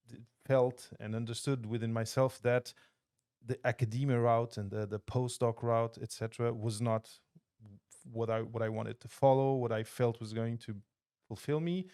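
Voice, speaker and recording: A man's voice: mid-range voice, a little mellow, smooth. Thoughtful man from Portugal, podcast guest. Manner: thoughtful, many restarts and fillers. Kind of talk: casual interview chat. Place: podcast studio.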